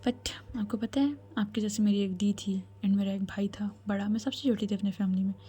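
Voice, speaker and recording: A devoted young woman pleads and confides in her sister, as a woman storyteller reads her in her own voice. The voice is mellow and sits at a middle pitch. She sounds tearful and earnest. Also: steady tone, fairly quick, slightly rough. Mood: confiding.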